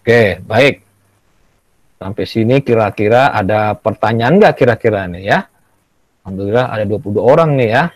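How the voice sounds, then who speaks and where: A man's voice: lowish voice, normal speed, no room sound. Male Indonesian schoolteacher on a video call, dry sound, coaxing, keeps checking in with "ya". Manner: repeats "ya" and "gitu loh" often, coaxing; acts out children's tantrums in a raised voice. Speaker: teacher. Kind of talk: online class lesson.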